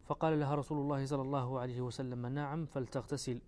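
A man, a student, reading a religious text aloud in a steady, formal way. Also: mid-range voice, fast.

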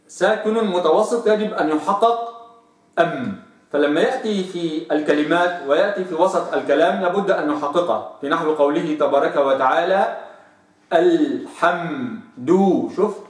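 A man with an Egyptian accent teaching recitation, who explains each point and then drawls out sample sounds slowly in a lower voice. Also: far from the mic. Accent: Egyptian Arabic. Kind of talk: tajweed lesson. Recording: echoey room, voice off-mic.

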